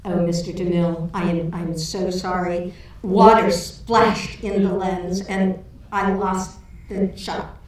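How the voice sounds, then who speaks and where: A woman's voice: fairly low pitch, flat delivery, pitched below the performer's own voice. A woman voicing a flustered male cameraman who apologizes nervously, in an echoey hall. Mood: apologetic. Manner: apologetic, hurried. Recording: echoey hall, distant mic.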